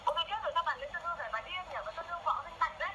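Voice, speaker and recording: A woman on a phone call, chatting quickly and agreeing in a gossipy way. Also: very high voice, sharp tone, a little hiss or hum. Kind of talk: casual phone chat.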